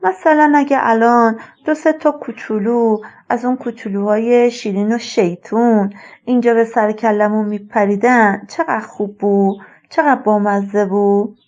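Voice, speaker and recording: A woman voicing an elderly retired male colonel, a rambling and wistful father who speaks slowly and musingly. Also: fairly high pitch, fairly even intonation, a little mellow, dull audio, close to an everyday voice.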